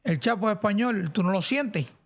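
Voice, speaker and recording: A man's voice: sits high, animated, normal speed. A man with a central Cuban accent, chatting casually and rambling on a live game stream. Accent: central Cuban Spanish. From central Cuba. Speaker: streamer host.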